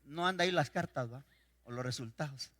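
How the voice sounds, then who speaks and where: A male pastor preaching a sermon, swinging between loud declarations and quiet storytelling. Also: mid-range voice, fairly quick. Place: church sanctuary. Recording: reverberant church hall.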